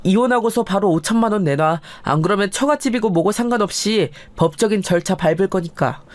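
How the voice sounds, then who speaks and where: A woman voicing a fed-up husband who speaks coldly and deliberately. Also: mid-range voice, dry recording, natural voice. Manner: flat, cold, deliberate. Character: cold, fed-up husband in his thirties. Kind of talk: storybook narration with dialogue.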